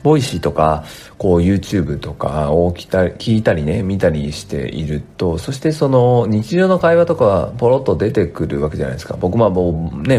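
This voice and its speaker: A tax accountant with a low, mellow voice talks through his own casual podcast from a work room at home. His chatty, rambling delivery is packed with fillers, his voice is dry and strained in the morning, and a home studio mic picks him up.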